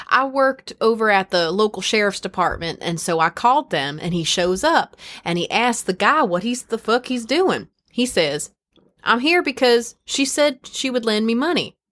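A woman's voice: mid-range voice, lively intonation, normal speed, hardly any pauses, a bit bright. A young woman hosting a podcast, chatting frankly, swearing casually and reading listener stories and ads aloud. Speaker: podcast host.

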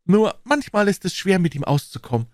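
A man's voice: high voice, big pitch swings, a little fast, a little mellow, no echo, clean studio sound, pitched above the performer's own voice. A man voicing an anxious, bitter older woman, a former nanny, in a storybook reading. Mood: eager, anxious.

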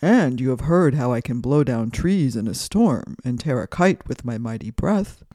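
A proud, blustering wind brags and pushes its point in a children's storybook tale, as a woman puts it on. The voice sits low and husky, with lively swoops in its pitch. It talks slowly and insists on being the strongest. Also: no room sound, studio quality. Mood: boastful. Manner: bragging, insistent.

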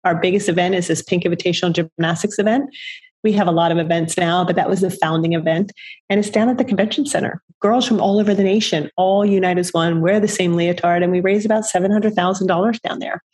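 Middle-aged woman founder chatting earnestly in an interview, kinda husky and lowish. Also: fairly even intonation, darkish tone. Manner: earnest, conversational, with quick restarts. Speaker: nonprofit founder. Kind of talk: interview storytelling.

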